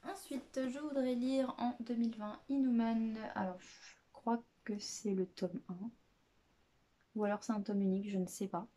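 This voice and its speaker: A woman presenting books in a casual vlog chat, hesitant and chatty, with many filler pauses and restarts. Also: on the high side, steady tone, mellow, slight background noise. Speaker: book vlogger.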